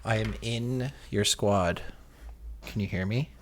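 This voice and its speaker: A man's voice: fairly low pitch, takes it slowly, slight background noise. A young man streaming live, chatting loosely with viewers and friends and swearing casually.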